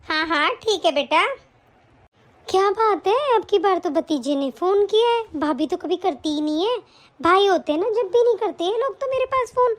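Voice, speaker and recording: A soft-spoken, modest old aunt in a cartoon story, as a woman puts her on. She talks affectionately and humbly, in a very high voice. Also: lively intonation, normal speed. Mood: content. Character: elderly aunt, humble and gentle. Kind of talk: animated story voice acting.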